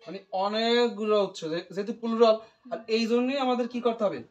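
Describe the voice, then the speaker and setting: A man's voice: extremely high pitch, fairly quick, dull audio. A man tutoring English grammar, asking questions and repeating the student's answers, explaining step by step. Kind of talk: English grammar lesson with call-and-response.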